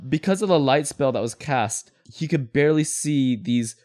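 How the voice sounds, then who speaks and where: A man's voice: medium pitch, animated, normal speed, a little mellow, no room sound, clean studio sound. A man working as game master, casually narrating a tabletop game in an explanatory, rambling way.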